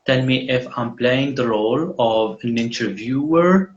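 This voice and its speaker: A man's voice: mid-range voice, lively intonation, unhurried, muffled recording. A man hosting a live online mock job interview over a video call, speaking in a friendly, hesitant way with frequent fillers.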